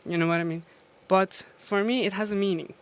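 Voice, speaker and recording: Lady dj in an interview, smooth clear voice, laughs a lot, lots of ums. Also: mid-range voice, fairly even intonation, a little fast. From Iran. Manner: laughs often, storytelling with many fillers. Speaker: DJ and guest. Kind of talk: casual interview.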